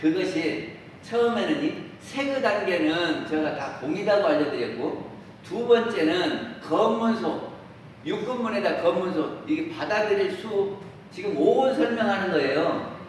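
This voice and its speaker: In a temple dharma hall, a male Won Buddhist minister speaks to his congregation in a high, animated, unhurried voice. He frequently turns to listeners with questions and acts out everyday quotes, his voice distant amid heavy echo and faint hiss.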